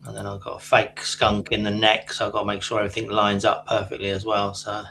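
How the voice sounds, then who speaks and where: A man's voice: fairly low pitch, monotone, fast talker, vocal fry, sharp tone. A man casually explaining the steps of his guitar build. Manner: explains his work step by step. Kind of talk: casual chat. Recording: faint hum.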